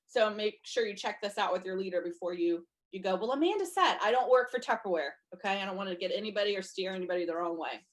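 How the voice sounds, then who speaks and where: A woman coaching sellers in a chatty instructional talk, slightly hoarse from losing her voice and often checking in with her listeners. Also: mid-range voice, fast talker, few pauses. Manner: chatty, checks in with "okay?" and "you guys". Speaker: direct sales trainer.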